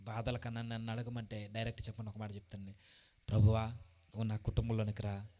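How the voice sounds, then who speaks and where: A man preaching a sermon at a gospel meeting, passionate, with repeated rhetorical questions and swings between loud and soft. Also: on the low side, monotone, brisk. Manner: impassioned rising and falling delivery, rhetorical questions.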